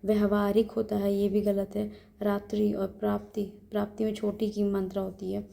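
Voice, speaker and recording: Brief: woman test-prep tutor, flat gravelly delivery, brisk and repetitive, solving questions aloud. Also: medium pitch, slight background noise. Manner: brisk, explains each option, repeats words and says "ठीक है". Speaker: exam coaching teacher.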